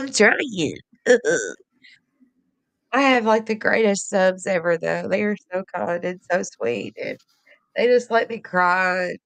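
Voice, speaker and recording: A woman's voice: medium pitch, expressive, slow pace, gravelly, dry recording. A woman hosting a casual live stream, chatting in a rambling way and laughing often. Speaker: livestream host.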